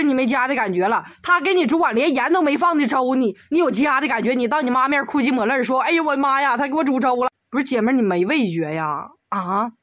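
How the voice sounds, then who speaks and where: Woman commentator, comedic exasperated rant, slightly high voice, dry close sound. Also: a bit bright, no echo. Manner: exasperated, rapid rhetorical questions. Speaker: video commentator.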